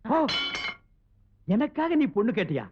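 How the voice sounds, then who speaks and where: An actor playing a TV shop owner who speaks in theatrical, hammy comic film dialogue. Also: male voice, high voice, big pitch swings, background noise. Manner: theatrical, hammy, swings between slow and rushed. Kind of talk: 1990s film comedy dialogue. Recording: dull, dry old film soundtrack.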